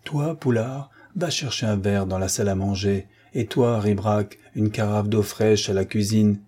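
A man with a low, unhurried, mellow voice and a slight roughness plays a jovial army captain, a hearty convalescent officer. He addresses his wounded soldiers, shifting between commanding orders and real affection.

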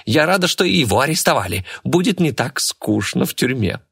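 A man's voice: sing-song, fairly quick, vocal fry, a bit bright, slightly rough, heavily acted. A man voicing a brash green-skinned alien female thief who gloats and mocks. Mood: gloating mockery. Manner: shrill, gloating.

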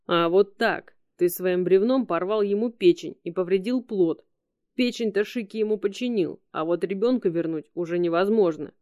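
A woman's voice: lowish voice, dark tone, dry recording, studio quality, lightly acted. A woman reading an audiobook voices a male possum who bluntly scolds someone. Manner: stern, reproachful.

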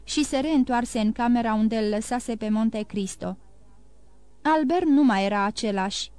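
A woman narrates a classic novel in a steady, even voice. Her pitch sits a little high. The recording is dry and close, with no room sound. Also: clear, resonant tone, dry recording. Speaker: audiobook narrator.

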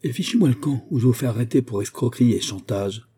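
A man reading a story voices an arrogant nobleman who turns low-voiced and trembling when cornered. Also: lively intonation, fast, warm tone, slightly rough. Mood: haughty. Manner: haughty, later low and trembling. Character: arrogant then frightened nobleman, adult man.

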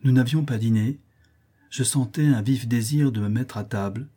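Man, audiobook narrator, warm dark tone, breathy edge, measured literary reading. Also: mid-range voice. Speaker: audiobook reader. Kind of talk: scripted narration of a classic novel.

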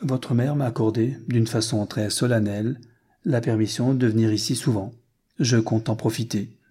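A man's voice: mid-range voice, fairly even intonation, normal speed, mellow, slightly rough, close to an everyday voice. A man reading the lines of a frank, determined rich American, blunt and earnest.

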